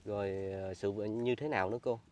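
A man with a Southern Vietnamese Mekong Delta accent, interviewing a woman politely and softly. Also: lowish voice, steady tone, brisk, a little hiss or hum. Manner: soft-spoken, polite, constant agreeing "yes" backchannel. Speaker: interviewer, channel host. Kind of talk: field interview.

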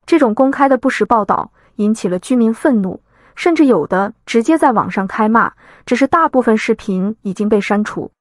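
A woman reads a scripted news summary in an even, informative tone. Her voice sits fairly high. The sound is dry and close. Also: moderate pace, no room sound. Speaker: narrator.

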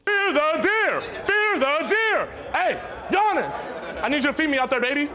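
A young man filming a prank vlog at a basketball game, loud and hyped, shouting at the players. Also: very high-pitched, very animated, normal speed. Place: packed indoor basketball arena. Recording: loud arena crowd and music.

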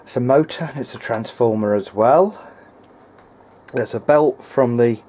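This video-diary repairer has a warm, medium-pitched voice and speaks a little slowly. He offers loose, hands-on commentary at his indoor workbench, pausing to think aloud with some hesitation.

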